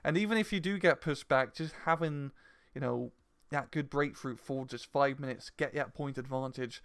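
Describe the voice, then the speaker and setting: A man co-casting a strategy game replay, giving relaxed analytical commentary with many fillers. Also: medium pitch, moderate pace, clean tone. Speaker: game caster.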